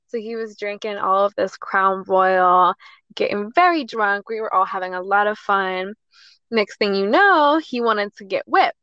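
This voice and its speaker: Female guest, mid-pitched, lively storyteller, on dry muffled audio. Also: smooth, dry recording. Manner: animated, laughing storyteller. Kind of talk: casual storytelling on a podcast.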